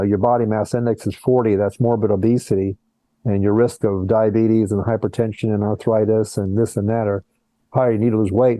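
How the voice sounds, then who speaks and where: An older plastic surgeon, born in Colombia and raised in Brazil and the US, speaks earnestly in a conversational video-call interview, frequently restarting his words. His voice is fairly low and mellow, on a dry recording with poor audio.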